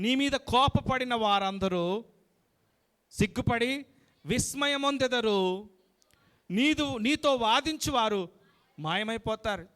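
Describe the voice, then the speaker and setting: A man delivers a church sermon in a high-pitched voice. He speaks straight to the congregation, asks them questions again and again, and calls on them to answer amen. English words and phrases turn up often in his preaching. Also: fairly bright tone. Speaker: pastor.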